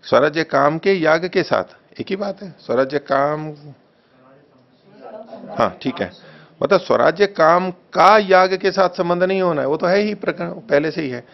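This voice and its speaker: A man teaching a text study class, reading a translation slowly, repeating phrases and correcting the wording patiently. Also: on the high side, expressive, gravelly. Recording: dull lo-fi recording.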